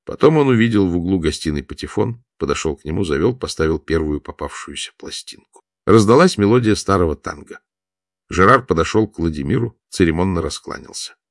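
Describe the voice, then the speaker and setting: Deep-voiced man reading a story. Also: expressive, a little fast, no echo, clean studio sound. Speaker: audiobook narrator. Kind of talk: scripted narration.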